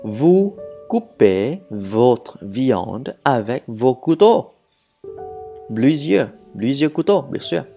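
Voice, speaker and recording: A French teacher giving a slow grammar lesson, switching between French and English, repeating phrases and correcting herself or himself. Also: medium pitch, very animated, warm tone, soft background music. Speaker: language teacher.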